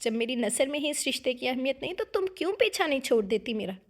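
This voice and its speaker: Woman doing an angry young husband, cold and cutting, voice pitched up high. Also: sing-song, quick pace. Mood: scornful. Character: harsh young husband, bitter and scornful.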